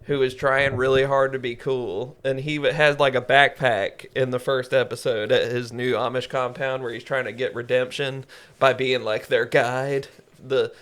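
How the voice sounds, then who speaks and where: A man's voice: medium pitch, level tone, normal speed, fairly bright tone, clear, resonant tone. Give me a man on a podcast telling a story with a wry, joking tone. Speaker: podcast co-host. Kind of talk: casual chat.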